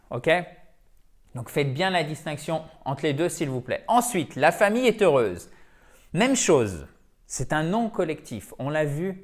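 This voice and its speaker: French-speaking male English teacher, patient, repetitive explainer, self-correcting. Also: fairly high pitch. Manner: explanatory, repeats himself, corrects himself. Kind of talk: grammar lesson.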